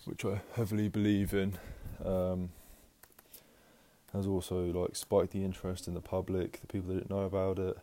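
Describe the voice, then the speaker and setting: A podcast host with a deep, warm voice talks at normal speed in a monotone, breathless as he walks around his house. The solo show is casual and rambling, full of filler words and false starts.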